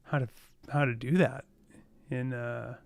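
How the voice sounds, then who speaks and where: A man's voice: medium pitch, steady tone, measured pace, creaky. A man casually thinking aloud as he writes code, rambling with fillers and exasperated laughs. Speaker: web developer coding on a live stream.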